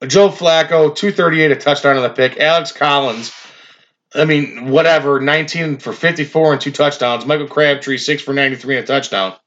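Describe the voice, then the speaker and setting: A man's voice: fairly high pitch, brisk, a bit bright, dull audio. A man doing a casual football recap for fantasy players, profane and exasperated as he rants about the week's games.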